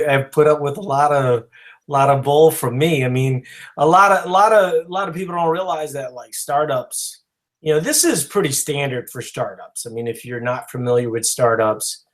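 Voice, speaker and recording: A man's voice: mid-range voice, moderate pace, a bit bright, poor audio. A man, a company founder, making a casual spoken announcement to his followers, rambling with many fillers and restarts. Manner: rambling, full of "you know" and restarts.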